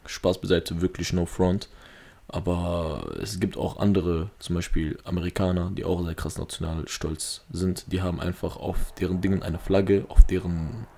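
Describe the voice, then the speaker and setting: A man's voice: sits low, little pitch movement, normal speed, creaky, warm tone. A young man chatting casually in a slangy, rambling way, arguing his point with everyday examples. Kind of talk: casual chat.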